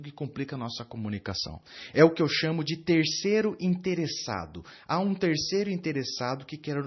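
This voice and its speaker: A man's voice: fairly high pitch, breathy edge, dull audio. A man with a Brazilian Portuguese accent preaching a sermon, teaching with many fillers and tag questions.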